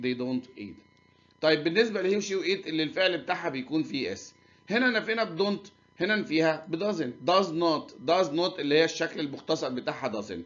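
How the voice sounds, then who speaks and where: A man with an Egyptian Arabic accent teaching English grammar, saying example sentences slowly and then explaining them quickly. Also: a little high. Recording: dull lo-fi recording.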